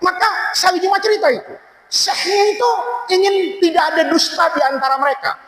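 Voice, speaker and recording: A male preacher telling a funny story in a sermon, switching between loud shouts and low asides. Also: brisk. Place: large religious hall. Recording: echoey hall, faint noise.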